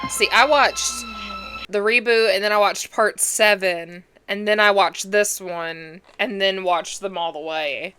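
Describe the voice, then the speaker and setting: A hoarse, congested woman hosting a movie reaction, chatting casually and talking back at the screen with sass. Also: mid-range voice, unhurried, bright, forceful tone, faint music behind.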